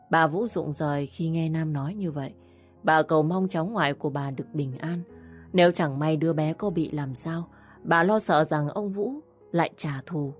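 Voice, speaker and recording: Low-pitched female narrator for a family melodrama, faint music bed. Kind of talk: scripted story narration.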